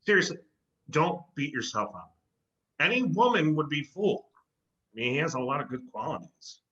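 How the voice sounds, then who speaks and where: Actor reading a lively, bright wisecracking sportswriter. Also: male voice, fairly high pitch, normal speed, distant mic. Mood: soothing. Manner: dry jokey delivery. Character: wisecracking married male sportswriter, comforting. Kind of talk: comedy play reading. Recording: dull lo-fi video call audio.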